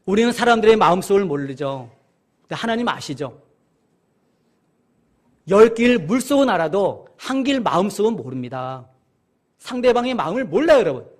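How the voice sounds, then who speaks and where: A man teaching a Bible study sermon. He keeps asking his listeners questions and answering them, and he reads scripture passages slowly and more loudly. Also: sits high, sing-song. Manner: addresses listeners often, asks and answers questions.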